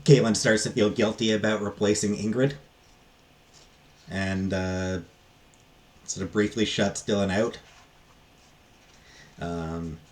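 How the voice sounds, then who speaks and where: Speaking off the cuff, a very low-voiced man rambles casually through a book review, his phrases halting and often trailing away. His voice is a little mellow.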